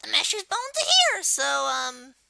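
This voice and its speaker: A person voicing a bratty male cartoon Koopa creature, giving a casual, unscripted software tutorial in a halting, self-correcting way. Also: sits high, huge pitch swings, gravelly, noisy background, heavily acted. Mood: explaining, halting. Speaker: tutorial host.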